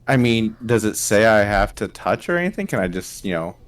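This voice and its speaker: A man's voice: on the low side, big pitch swings, brisk, dry recording. A man playing a tabletop game, describing his actions hesitantly with many fillers. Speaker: player. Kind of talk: casual tabletop role-play.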